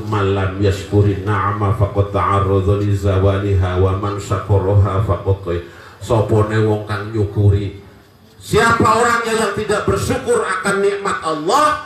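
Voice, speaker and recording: A man with a Javanese accent preaching a sermon to a crowd, joking and swinging between loud, emphatic lines and quiet ones. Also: lowish voice, slight background noise. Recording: echoey from far off.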